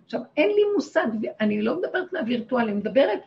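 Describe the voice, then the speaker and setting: A woman, a rebbetzin, telling a story in a casual, animated way and acting out the shouted quotes. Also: fairly high pitch, creaky. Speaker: rebbetzin leading a women's gathering. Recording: muffled lo-fi home recording, faint hiss.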